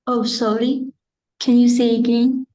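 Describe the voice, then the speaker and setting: A woman's voice: on the high side, flat delivery, slow, mellow, dull audio. A woman student practicing simple English, hesitant and searching for words.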